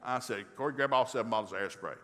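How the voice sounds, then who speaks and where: A middle-aged man preaching in a church, telling a folksy, humorous story and acting out the dialogue in lively voices. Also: medium pitch, very fast. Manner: folksy, animated, acts out dialogue. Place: church sanctuary. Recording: long reverb of a large hall.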